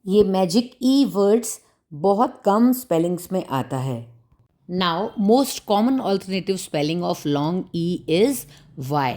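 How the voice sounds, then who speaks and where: A woman teaching a phonics lesson, slowly spelling out sounds and repeating example words. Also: medium pitch, expressive, warm tone. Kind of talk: phonics lesson narration in Hindi with English.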